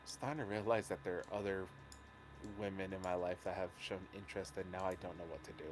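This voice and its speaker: A man's voice: sits low, fairly even intonation, fast, noisy background. A man playing his character at a tabletop game, talking in a hesitant, rambling, awkward way. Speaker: player. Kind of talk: in-character tabletop role-play.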